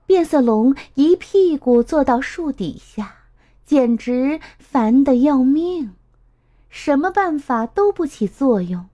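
A woman reading a children's storybook aloud. Her voice is high and sing-song, with lots of rise and fall. She takes it slowly and gives every line plenty of expression. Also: expressive, dark tone, dull audio.

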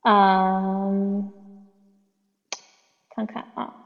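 A woman's voice: mid-range voice, level tone, extremely slow. Woman english teacher doing live q&a on her phone, blunt and kinda scolding, dull sound with a long echo. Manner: reads viewer questions aloud. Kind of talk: casual livestream Q&A.

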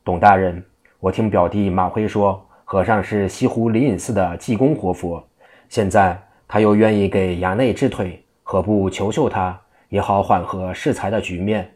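A man's voice: deep voice, steady tone, moderate pace, darkish tone. A man voicing a courteous, formal young county magistrate. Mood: polite.

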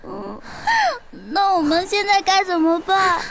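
Clingy frightened little girl, woman voicing: very high, whiny, pleading, audio drama over music. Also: fairly even intonation, measured pace, gravelly, a bit bright, slight background noise, exaggerated voice. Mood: worried. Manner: pleading, whiny childlike asking.

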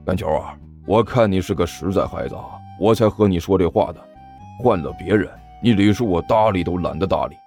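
A man's voice: low voice, fairly quick, darkish tone, faint music behind, voice pushed down. A man voicing a stern, suspicious middle-aged uncle from the neighborhood who lectures and scolds.

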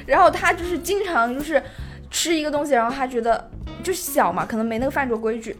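A woman in her twenties in casual chat, telling a family story in an animated way and acting out what was said. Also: high voice, fast talker. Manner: animated storyteller who acts out quoted lines. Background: music playing underneath.

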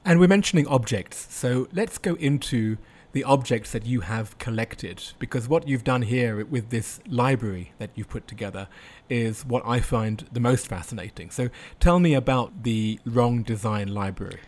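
A man's voice: medium pitch, moderate pace, a little mellow. A man hosting a conversational interview, putting questions to a guest. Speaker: interviewer, host.

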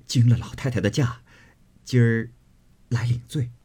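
A man's voice: medium pitch, normal speed, husky, voice pushed up. A man playing a sheepish young nobleman. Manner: meek, ingratiating, soft-spoken with chuckles.

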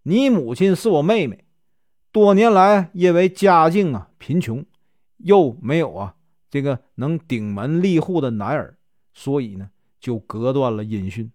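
A man's voice: fairly high pitch, lively intonation, a little slow, dry recording, studio quality. A man voicing a deaf, talkative old aunt who fusses over her guest and scolds her giggling girl. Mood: fussy, chatty. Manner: talkative, fussy, scolds loudly.

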